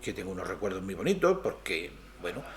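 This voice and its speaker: An older man from Spain, a guest in an interview, telling stories from his childhood in an unhurried, hesitant way with many fillers. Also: low-pitched, big pitch swings, fairly bright tone, slight background noise. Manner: rambling, hesitant storytelling. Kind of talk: casual interview.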